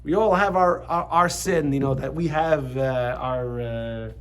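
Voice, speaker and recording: A rabbi teaches his students a Torah lesson in class, telling stories casually and chatting with plenty of asides and restarts. He speaks a little slowly at a medium pitch, with a fairly bright tone.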